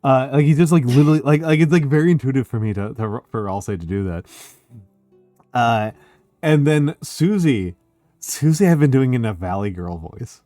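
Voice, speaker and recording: A man chatting casually as a streamer, excitable and rambling, leaning on filler words like "like". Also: mid-range voice, normal speed, no echo, faint music behind. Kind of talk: casual chat.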